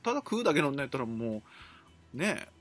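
A man, co-hosting a casual chat, lively and joking. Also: medium pitch, fast, soft background music. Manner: lively, joking, laughs often. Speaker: podcast co-host.

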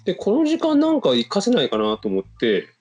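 A man's voice: high voice, huge pitch swings, brisk, a little mellow, soft background music. A man hosting a casual conversation, inquisitive and responsive to the others. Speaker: conversation host. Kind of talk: casual chat.

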